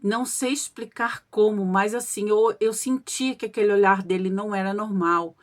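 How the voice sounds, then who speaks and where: A female storyteller reads a listener's supernatural account in the first person, chatting conversationally and speaking straight to her audience. Her mid-range voice holds a fairly even intonation at a moderate pace.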